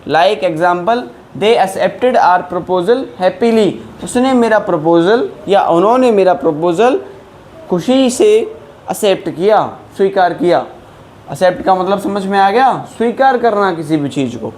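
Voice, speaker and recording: High-voiced man teaching vocabulary. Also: lively intonation, a little mellow, a little hiss or hum. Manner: explains in Hindi, reads English example sentences slowly. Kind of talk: exam-prep vocabulary lesson.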